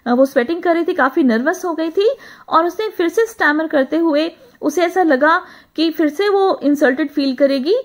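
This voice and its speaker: A woman's voice: extremely high pitch, animated, moderate pace. A woman teacher who reads a story aloud in English, then retells it in Hindi, with frequent hesitations. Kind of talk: reading a story aloud and explaining it.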